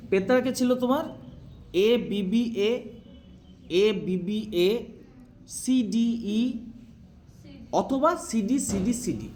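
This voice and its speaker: A man's voice: very high-pitched, takes it slowly, long pauses, darkish tone. A male English teacher with a Bengali accent, giving a classroom lecture and explaining step by step, often checking whether his students follow.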